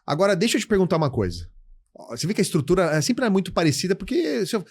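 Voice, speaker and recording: A middle-aged man as a podcast guest, telling client stories in a casual, lively way and acting out both sides of the conversations. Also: sits high, very fast, breathy edge, dry recording. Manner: animated storytelling, acts out client dialogues, says "cara" often. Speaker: guest, insurance educator.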